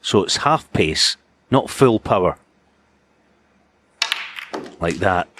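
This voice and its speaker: A man giving hushed, measured snooker commentary as a match commentator. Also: sits low, animated, slight background noise.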